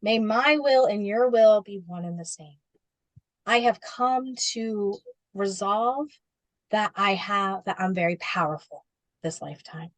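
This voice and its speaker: In a rough recording with no room sound, a woman speaks a little slowly at medium pitch. She's a spiritual business coach being interviewed casually, chatting animatedly with plenty of fillers, constant "like"s, and playful quoted-voice asides.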